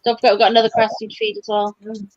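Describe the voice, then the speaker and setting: A woman chats casually with her family, tossing in quick practical remarks. The audio is dull and lo-fi, with a dry sound and no room echo. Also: medium pitch, monotone. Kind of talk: casual chat.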